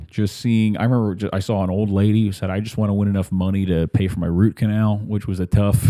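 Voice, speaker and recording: A man's voice: on the low side, dark tone. A man, a comedian and podcast host, telling rambling stories in a casual monologue, often breaking off mid-sentence and acting out the voices of people he quotes. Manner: rambling, self-interrupting, acts out quoted voices.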